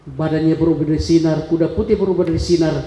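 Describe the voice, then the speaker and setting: A man's voice: on the high side, fairly even intonation, quick pace, warm tone, slight background noise. A man giving a dramatic sermon testimony, acting out voices and gasps as he tells it. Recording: echoey hall reverb.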